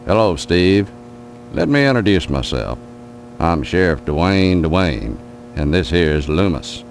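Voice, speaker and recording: Game role: skeptical, admonishing sheriff, deep folksy drawl with animated swings, slight background hum. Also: male voice, slow pace, exaggerated voice. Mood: wry, folksy. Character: folksy small-town sheriff, paternal and skeptical. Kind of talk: video game character acting.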